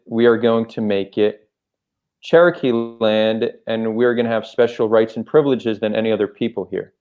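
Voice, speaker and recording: A man hosting a live call-in debate, calm and measured, patiently trying to make his point. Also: mid-range voice, clear, resonant tone, lo-fi sound. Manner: calm, measured, repeatedly tries to get a word in. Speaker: host.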